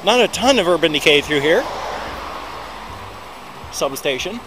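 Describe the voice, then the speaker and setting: A middle-aged American man, his voice on the high side and animated, vlogs at a measured pace while walking a busy roadside in a small town. Holding a small recorder close to his mouth, he chats and rambles, poking fun at himself, as loud traffic passes and music plays in the background.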